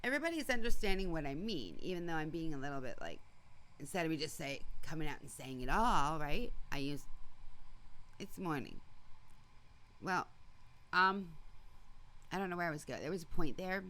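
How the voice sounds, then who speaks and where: On her casual morning livestream, this woman talks with viewers by name, rambling as her voice gives out. Her low, fairly bright voice has lively intonation and a moderate pace, broken by frequent pauses.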